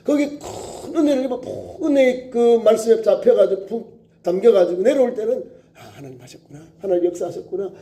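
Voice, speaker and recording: A man who is a pastor preaching a sermon, exclaiming and acting out prayers with lively emphasis. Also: extremely high pitch. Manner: sings a hymn before preaching.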